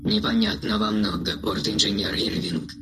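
A man voicing a flat, mechanical male android with a smooth, programmed, emotionless delivery, in an audiobook. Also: fairly low pitch, normal speed, soft background music, heavily acted. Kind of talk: audiobook character voice.

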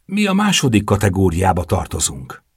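Male narrator as a brooding lovesick young guy, curt, low husky tone. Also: huge pitch swings, dry recording, studio quality, full character voice. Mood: irritable.

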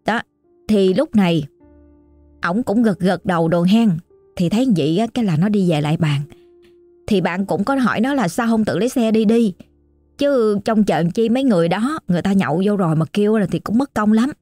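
Southern Vietnamese woman storyteller, chatty and exclamatory, warm tone, faint music bed. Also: medium pitch, lively intonation, fairly quick, no room sound. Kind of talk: casual oral storytelling.

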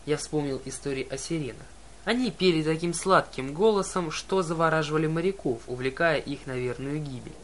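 A man's voice: on the high side, a little fast. A man reading a story aloud in first person as an audiobook narrator. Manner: reads the story in first person and voices every character himself. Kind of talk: scripted narration.

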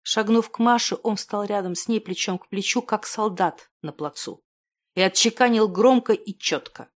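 A woman narrates an audiobook in a calm, even voice of middle pitch. Her storytelling stays steady and measured.

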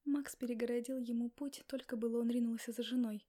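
A woman narrating an audiobook in the first person, with expressive, dramatic reading. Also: fairly high pitch, a little fast.

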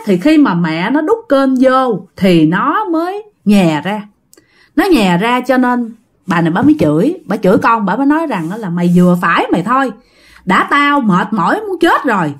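A woman with a Southern Vietnamese accent who narrates a ghost story in a chatty way and often talks straight to her listeners. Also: fairly high pitch. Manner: chatty, addresses listeners directly.

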